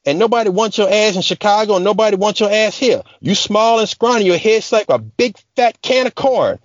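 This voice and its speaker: Brief: taunting hot-tempered aunt, read by a man, pitched up, dull lo-fi sound. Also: animated, brisk, no room sound. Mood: mocking, angry. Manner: brash taunting Southern-style speech. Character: cruel loud heavyset aunt, taunting and quick-tempered.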